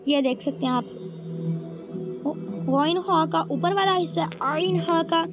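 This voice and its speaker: A woman with a Pakistani Urdu accent teaching Quran reading step by step, repeating each point and speaking straight to viewers. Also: very high voice. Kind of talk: patient step-by-step lesson. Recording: music playing behind voice.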